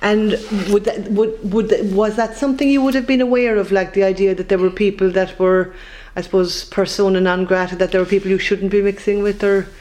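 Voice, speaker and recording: A woman's voice: medium pitch, little pitch movement, fairly quick, a little mellow. A woman asking questions as the interviewer in an oral history interview. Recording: clear background noise, clicks.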